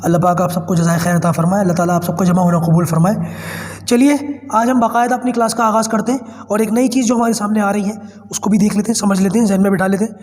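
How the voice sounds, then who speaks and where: Male Quran teacher, Pakistani Urdu accent, has a cold, high voice, reverberant room. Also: fairly even intonation, a little mellow. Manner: patient, slow spelling-out drills. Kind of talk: online class lesson.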